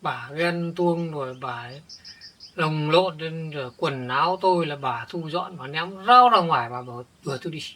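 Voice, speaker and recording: A man's voice: fairly high pitch, expressive, normal speed, pushed and bright. A man playing an older village man thrown out by his jealous wife, who stumbles and repeats words when upset. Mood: weary. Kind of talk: village family drama acting.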